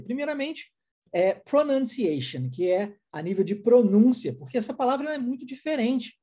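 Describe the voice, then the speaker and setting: Woman teacher going over words slowly, husky low-key voice, keeps checking you follow. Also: mellow. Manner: explains patiently and checks in often with the listener; drills pronunciation by repeating words slowly. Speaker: English teacher. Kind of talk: online language lesson.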